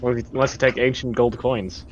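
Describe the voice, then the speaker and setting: A man's voice: medium pitch, fairly even intonation, brisk, muffled recording, background noise. A man playing a tabletop game, joking and hesitant. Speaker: player. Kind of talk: casual tabletop play.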